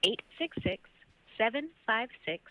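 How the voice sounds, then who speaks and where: Recorded woman's voice for a phone menu, played over a landline phone, steady and measured. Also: on the high side, narrow, tinny audio, a loud crowd. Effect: automated voice heard over a landline phone.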